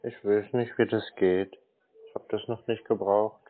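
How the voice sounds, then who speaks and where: A man with a lowish voice and flat delivery talks at normal speed, his sound phone-quality from a telephone call. Acting as a scambaiter, he plays a naive, confused, literal-minded customer, keeping the conversation slow and bumbling.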